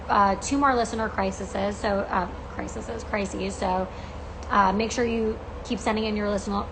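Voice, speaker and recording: A young American woman talks casually to her livestream followers with a creaky vocal fry. Her pitch sits in the middle, and her delivery is emphatic and gushing, peppered with slang. Noticeable background noise runs under the recording. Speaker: podcast host and coach. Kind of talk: casual livestream chat to fans.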